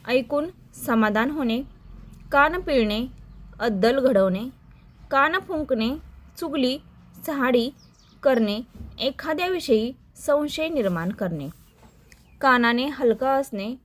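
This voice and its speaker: A woman teacher reciting a list of idioms and their meanings in a slow, dictation-like way for exam preparation. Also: sits high, expressive.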